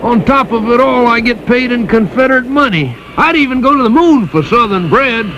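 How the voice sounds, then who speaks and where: Give me a man doing a hammy, boastful puppet pitchman with a high, gravelly voice in a hissy old TV ad. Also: animated, fairly quick, muffled recording. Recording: old noisy TV commercial audio.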